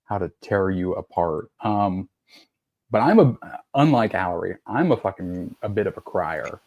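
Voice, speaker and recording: Deep-voiced and animated at a moderate pace, a middle-aged man hosts a podcast, chatting in a loose, rambling style with plenty of swearing. There's no room sound, and the audio is lo-fi.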